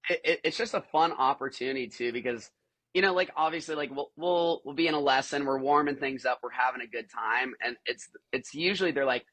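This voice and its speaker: Upbeat, bright-voiced male coach. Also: mid-range voice, a little fast, no room sound. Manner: animated, upbeat, peppered with "like". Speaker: tumbling coach, guest. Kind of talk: casual interview chat.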